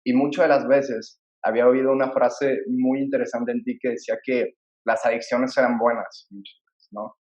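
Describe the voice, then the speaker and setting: A man's voice: mid-range voice, flat delivery, moderate pace, a little mellow, reverberant, highs cut off. A man hosting a podcast interview, earnestly introducing and questioning his guest. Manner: earnest and admiring, reads introductions. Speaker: podcast host.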